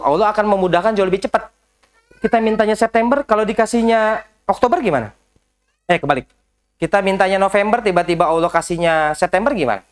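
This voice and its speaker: A man giving a motivational business coaching talk to a group indoors, speaking straight to them with rhetorical questions and slipping English business phrases into his talk. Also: high-pitched. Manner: lively, talks straight to the audience with rhetorical questions. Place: indoor session in a house.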